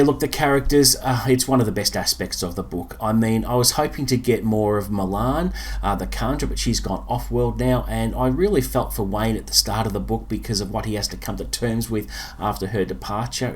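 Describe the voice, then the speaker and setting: A man giving a casual spoken book review, relaxed and chatty with many fillers and pauses. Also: fairly low pitch.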